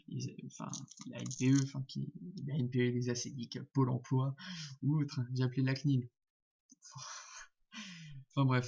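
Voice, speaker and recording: Gravelly, husky man ranting. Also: mid-range voice, a little mellow, muffled recording. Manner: indignant, rambling with many fillers and restarts. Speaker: vlogger. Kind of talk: casual vlog commentary.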